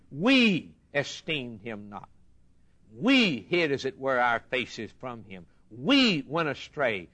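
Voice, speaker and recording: A man with a mid-range, fairly bright voice preaches a sermon expounding scripture. He's impassioned and emphatic, deliberately repeating phrases for weight.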